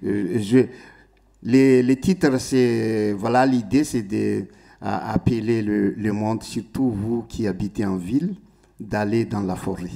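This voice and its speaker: A man's voice: fairly low pitch, fairly even intonation, slow pace, creaky, warm tone. A man with a non-native French accent addresses a festival audience from the stage, searching for words with many restarts. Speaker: performing musician.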